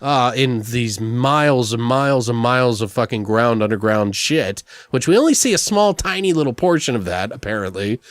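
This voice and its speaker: A man's voice: medium pitch, normal speed, hardly any pauses, no echo. Guy rambling about a movie on a podcast, swears a lot, dead dry sound. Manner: loose and rambling, swears freely. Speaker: podcast co-host. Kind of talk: casual film review chat.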